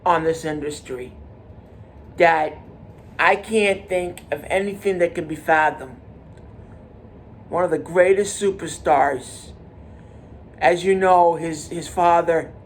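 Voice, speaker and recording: Halting slow-talking man in his forties. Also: on the high side, slight background noise. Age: 40s. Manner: halting, repetitive, many restarts and fillers. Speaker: podcast host. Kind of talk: casual monologue.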